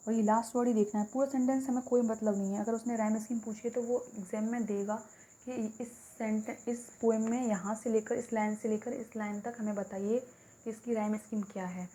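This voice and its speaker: A woman teaching an exam-prep lesson, explaining step by step, repeating key words and reading English examples slowly. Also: on the high side, steady tone, mellow, a little hiss or hum, poor audio.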